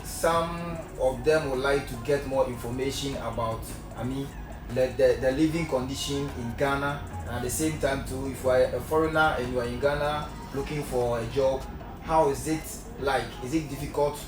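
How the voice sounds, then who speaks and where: A man hosting his own channel conducts a casual interview, asking questions in a friendly way and repeating himself often. His voice is mid-range and steady at a moderate pace. The recording comes from far off in an echoey room with music playing.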